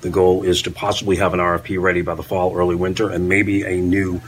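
A man's voice: low-pitched, little pitch movement, quick pace. A man working as a local news reporter, explaining a story conversationally in an unscripted discussion.

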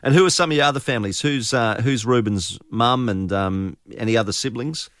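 A man's voice: medium pitch, brisk, a bit bright, dry recording, clean studio sound. A man from Queensland with a Queensland Australian accent, hosting a breakfast radio interview in a matey, slangy, casual way.

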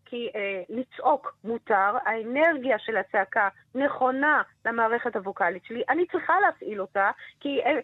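A woman with a high, slightly husky voice explains as a voice teacher, emphatic and full of energy. She talks over a tinny phone line that sounds dry and close. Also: few pauses, no echo. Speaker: voice teacher and vocal cognition researcher. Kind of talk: phone-in radio interview. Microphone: telephone.

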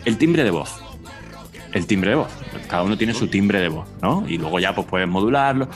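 A man's voice: fairly low pitch, expressive, moderate pace, faint music behind. A man co-hosting a talk show, rambling and breaking into laughs as he talks. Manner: rambling, laughs mid-sentence. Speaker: co-host. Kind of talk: casual chat.

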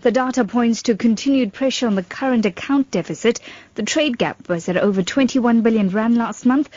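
A woman's voice: a little high, normal speed, a little mellow, dry recording, muffled recording. A South African woman presenting a scripted radio news bulletin. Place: radio studio.

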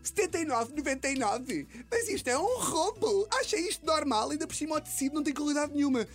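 A woman's voice: high voice, lively intonation, fast talker, faint music behind, voice pushed up. A man voicing an indignant old grandmother with a European Portuguese accent, complaining shrilly to a shop clerk. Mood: outraged.

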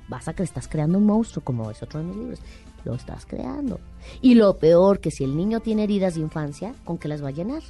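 A Mexican woman, a guest author, giving emphatic parenting advice with lots of rhetorical questions. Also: on the low side. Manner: animated, preachy, rhetorical questions.

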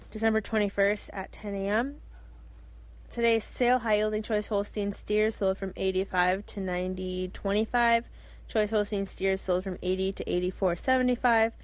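A woman's voice: medium pitch, no echo. A woman reading a farm radio livestock market report in a matter-of-fact manner.

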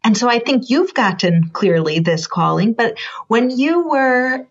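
A woman's voice: a little high, expressive, measured pace, lo-fi sound. A woman hosting a faith interview and asking earnest, affirming questions. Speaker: host and interviewer. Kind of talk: interview conversation.

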